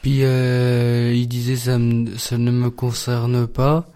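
Hesitant guy student retelling a story slow, lots of ums, dark voice. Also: medium pitch, completely flat delivery. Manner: hesitant, many fillers.

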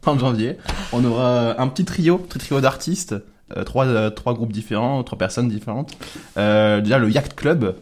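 A young man talking on the radio about events at a concert venue, laid-back and halting, and he laughs easily. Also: mid-range voice, a little mellow. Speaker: youth outreach volunteer at a concert venue. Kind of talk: casual radio chat.

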